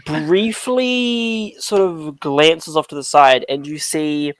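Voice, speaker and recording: Acting as dungeon master in a tabletop game, a man narrates slowly in a fairly high voice over a call mic. He rambles, filling his speech with lots of "like" and "um".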